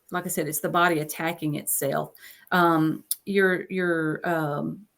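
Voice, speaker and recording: A low-voiced woman in her fifties, a coach, tells casual interview stories about her experience as a guest, chatting freely and repeating phrases for emphasis.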